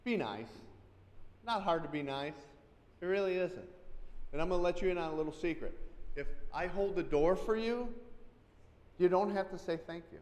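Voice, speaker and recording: A middle-aged man giving a safety class, telling stories and acting out quoted lines with loud emphatic bursts. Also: high voice, animated, normal speed, long pauses. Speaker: safety trainer. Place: church hall. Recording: echoey hall, long reverb.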